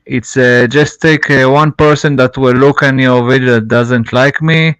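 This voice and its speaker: Guy on a call, halting english, clean dry sound. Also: medium pitch, fairly even intonation, fairly bright tone, clean tone, no room sound. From Israel. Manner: hesitant, many fillers and restarts. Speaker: viewer calling in. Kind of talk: casual chat.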